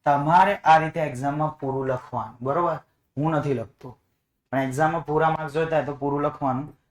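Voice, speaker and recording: A man's voice: a little high, fairly even intonation, brisk, reverberant. A man teaching math to a class, coaxing students with repeated questions. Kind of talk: classroom lesson.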